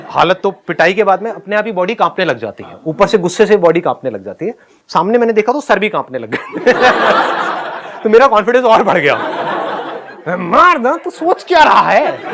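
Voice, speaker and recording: A middle-aged man casually telling a personal story, animated, often laughing and acting out what people said. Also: on the high side, a little hiss or hum. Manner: animated, laughs while telling, acts out quoted lines.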